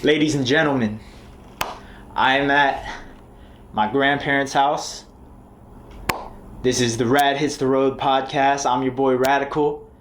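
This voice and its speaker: Speaking at a medium pitch with a steady tone, this American man hosts his podcast from his grandparents' house, bantering loosely and profanely. He takes his time and leaves long pauses, and background noise runs under the casual chat.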